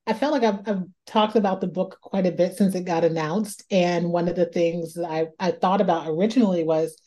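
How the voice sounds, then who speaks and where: In a reflective interview, a woman author from Northeast Ohio works through her ideas in a slightly low, mellow, relaxed voice. She speaks fairly quickly and thinks aloud, often repeating a word before moving on.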